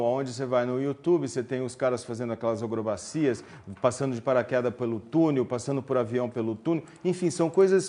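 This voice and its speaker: A man's voice: medium pitch, dark tone. Man, Brazilian Portuguese accent, live online class presenter, chatty, lots of fillers. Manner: chatty, filler-heavy, joking with the audience. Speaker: webinar presenter.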